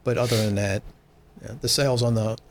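A man's voice: mid-range voice, steady tone, brisk, slight background noise. A man from Maryland who captains a pirate-themed cruise boat, talking in a laid-back way with dry humor and frequent "you know"s in a casual podcast interview.

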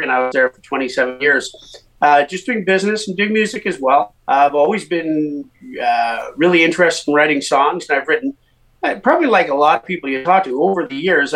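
A middle-aged Canadian man from Winnipeg, a musician, tells his story as a guest in a casual interview, chatting freely and using many fillers. His voice sits on the high side and sounds a bit bright, though the audio quality is poor.

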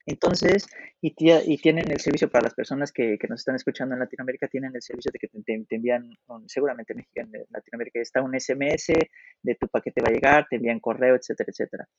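A man with a Mexican accent chatting casually as a podcast guest, pausing often with fillers and restarts, animated when telling a story. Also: medium pitch, gravelly, slightly rough, no echo, dull audio. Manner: hesitant, full of fillers and restarts.

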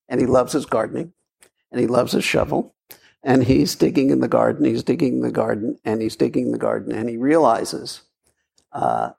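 A man's voice: medium pitch, gravelly, darkish tone, breathy edge. A man giving a Zen dharma talk, telling a story in a rambling way with repeats and fillers. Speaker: Zen teacher. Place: meditation hall.

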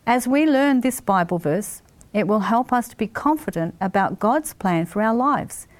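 A woman's voice: medium pitch, lively intonation, moderate pace. A woman presenting a children's Bible program, speaking to young viewers in simple, encouraging language.

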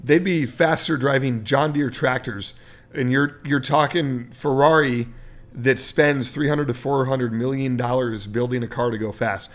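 A man's voice: mid-range voice, fairly even intonation, a little slow. A man co-hosting a sports podcast, explaining racing at length in a casual chat, with many fillers. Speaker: podcast co-host.

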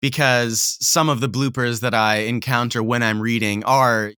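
A man's voice: medium pitch, fairly even intonation, normal speed, bright, forceful tone, clear, resonant tone, no echo, clean studio sound. A male audiobook narrator chatting as a podcast guest, thoughtful and rambling, with many fillers. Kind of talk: casual interview chat. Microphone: home recording setup, headphones.

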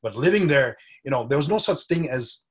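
A man talking casually as a podcast guest, an animated storyteller who laughs often. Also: mid-range voice, brisk, slightly rough. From Dubai. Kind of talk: casual interview chat.

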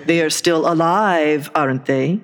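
In a comic radio play, a woman voices a vain, scornful, murderous evil queen with theatrical, imperious delivery. Her voice sits low and unhurried, sounding indignant and irritated, and the recording carries a long, hall-like reverb.

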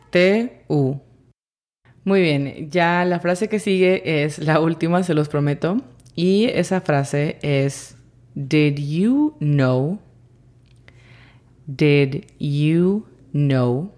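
Woman, English teacher, low voice, unhurried, repeats phrases. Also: darkish tone. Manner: spells out sounds letter by letter, repeats phrases slowly. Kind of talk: slow, careful language lesson.

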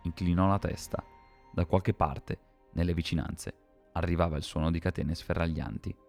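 A man reading a dark fantasy story aloud in a measured, dramatic scripted narration. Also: deep voice, steady tone, gravelly, faint music behind.

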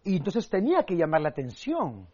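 High-voiced energetic male speaking coach. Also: a little fast, breathy edge, dull audio. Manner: energetic, emphatic, acts out quotes and sound effects. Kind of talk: motivational speaking lesson with stories.

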